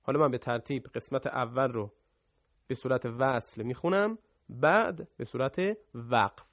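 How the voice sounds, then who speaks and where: A man teaching Quran recitation rules, explaining quickly between slow, chanted examples for students to repeat. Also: mid-range voice, fairly bright tone, no echo. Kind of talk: recorded tajwid lesson with recited examples. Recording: dull lo-fi sound.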